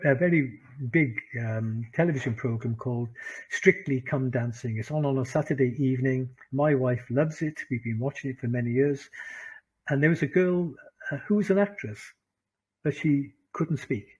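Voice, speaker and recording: A British man chats his way through an online English lesson, repeating himself and chuckling at his own jokes. His voice is very husky and breathy. The sound is muffled and dull. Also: medium pitch, a little mellow. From Britain. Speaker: English teacher. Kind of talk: online class talk.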